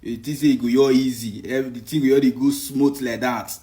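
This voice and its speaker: A man's voice: mid-range voice, steady tone, a little fast, warm tone. A man giving laughing, mocking commentary in pidgin. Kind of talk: reaction commentary.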